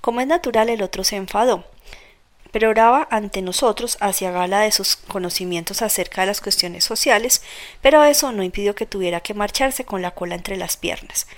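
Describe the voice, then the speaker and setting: A woman's voice: mid-range voice, a little fast, natural voice. A woman reading the lines of a loyal, boisterous young male friend who talks bluntly and at length. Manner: blunt, talkative.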